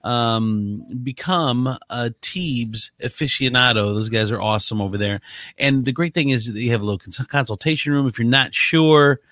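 A man's voice: mid-range voice, normal speed, fairly bright tone, no room sound, clean studio sound. A man hosting a casual podcast, rambling loosely through banter and an ad read. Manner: loose, rambling, laughs a lot. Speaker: podcast host. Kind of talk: casual chat and host-read ad.

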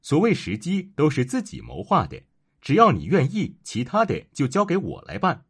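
A man voicing a cunning, scheming court official who talks persuasively and insinuatingly, in a husky voice. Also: a little high, wildly swooping pitch, moderate pace, exaggerated voice.

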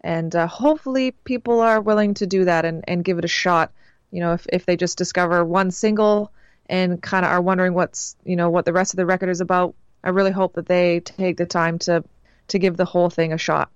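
A woman's voice: fairly low pitch, steady tone, a little fast, smooth, no echo. A woman musician chatting casually and earnestly as an interview guest. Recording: dull, band-limited remote line.

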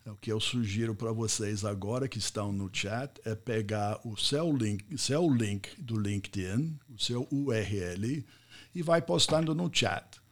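A middle-aged American man, a native English speaker, gives a live online talk in Portuguese, telling anecdotes and repeating words for effect. His voice is lowish and his pace measured.

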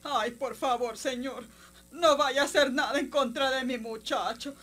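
A woman's voice: high voice, measured pace, fairly bright tone. A woman with a Honduran accent playing a meek older mother who sighs and pleads, in a radio drama. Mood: pleading. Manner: sighing, pleading.

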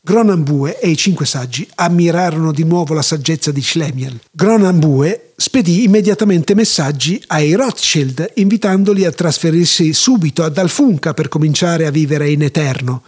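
Man, high voice, husky, measured folk-tale narration. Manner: measured, even storytelling. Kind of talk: scripted storytelling narration.

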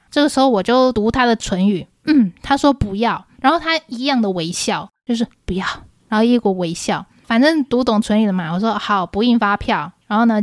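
A woman's voice: a little high, dry recording, clean studio sound. A young woman with a Taiwanese Mandarin accent, co-hosting a casual chat podcast and telling stories with acted-out dialogue and frequent laughs. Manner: animated storyteller, acts out dialogue, laughs often. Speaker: podcast co-host.

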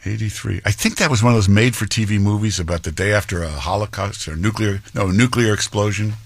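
A man's voice: lowish voice, quick pace, slightly rough, no echo. A man hosting a radio talk show, delivering an opinionated monologue in a punchy, conversational way with frequent fillers. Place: radio studio.

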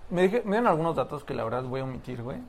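A man's voice: mid-range voice, big pitch swings, racing, a little hiss or hum. A man with a Mexican Spanish accent telling a story in a casual chat, full of slang, laughing often and acting out the voices of the people in it. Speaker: podcast co-host telling a story.

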